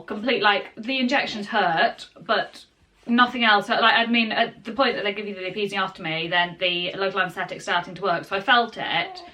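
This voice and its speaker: A young woman telling her birth story to camera at home in a chatty, casual way, full of fillers and soft asides to the baby in her arms. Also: medium pitch. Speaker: parenting vlogger.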